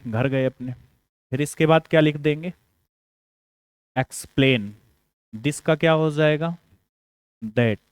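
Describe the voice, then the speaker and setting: A man's voice: on the high side, smooth, no echo. A man with a Hindi accent teaching English grammar for exams, explaining step by step, asking the class questions and dropping small jokes. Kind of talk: exam-prep grammar lesson.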